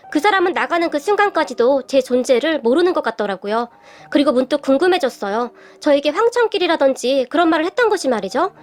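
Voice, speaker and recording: A woman narrating her own story in the first person, measured and confiding. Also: sits high.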